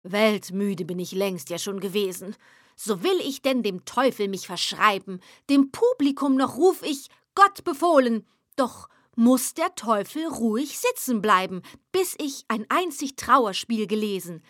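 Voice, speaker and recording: A woman voicing an embittered, excitable poet who declaims loudly and with agitation in a recited poem. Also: a little high, unhurried, dry recording, clean studio sound. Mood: bitter.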